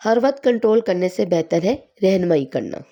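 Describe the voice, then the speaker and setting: A woman with a slightly hoarse voice from a sore throat, calmly explaining parenting advice point by point in a home vlog. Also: medium pitch, muffled recording. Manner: calm, explanatory advice-giving, pausing on numbered points. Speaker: parenting vlogger.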